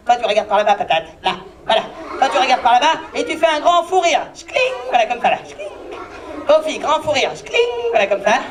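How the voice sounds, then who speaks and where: A woman performing as a clown for children, playfully bossing her volunteer helpers and breaking into comic yelps and shouts. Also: fairly high pitch. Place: large indoor hall with a live audience. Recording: live hall recording with loud audience noise.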